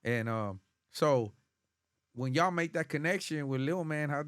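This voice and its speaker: A man from Inglewood, California, hosting a casual interview with relaxed, slangy, playful questions. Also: on the high side, a little slow, clean tone, no echo, studio quality. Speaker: podcast host.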